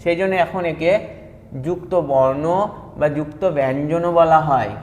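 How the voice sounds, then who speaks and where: A man's voice: on the high side, steady tone, moderate pace, a little hiss or hum. A man teaching a patient, step-by-step grammar lesson, spelling words out sound by sound and repeating key points. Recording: echoey room with long reverb.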